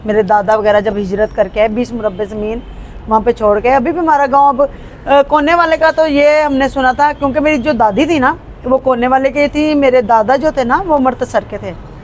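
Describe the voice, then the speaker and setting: A Pakistani woman with a Punjabi accent, answering interview questions casually, with hesitant pauses and restarts. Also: high-pitched, slight background noise. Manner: hesitant, with frequent fillers and restarts. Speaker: interview guest.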